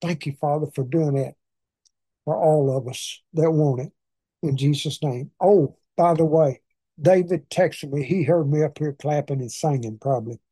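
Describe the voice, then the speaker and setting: A man's voice: a little high, moderate pace, dark tone, husky, no room sound. Folksy man with an Arkansas Southern accent. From Arkansas, southern United States. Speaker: preacher leading a prayer meeting. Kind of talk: folksy informal talk to a congregation.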